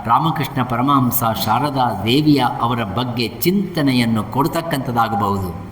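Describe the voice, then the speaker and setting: Brief: male discourse speaker, animated storyteller, mid-pitched voice, long reverb of a large hall. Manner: animated storyteller acting out characters. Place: ashram hall.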